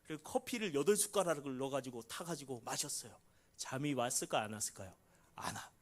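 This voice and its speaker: A middle-aged man preaching a sermon as pastor, acting out quoted prayers with big shifts from loud cries to hushed pleading. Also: a little fast. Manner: dramatic, acts out quoted prayers with big swings in pitch and volume.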